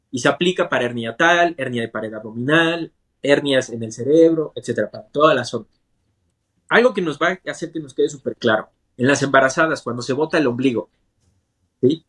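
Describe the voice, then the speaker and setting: As a guest in an interview, a male surgeon explains a medical topic in plain terms, staying patient and teacherly and often checking with a quick question that listeners follow. His voice is an ordinary middle pitch, a bit bright, with a slightly husky, breathy edge.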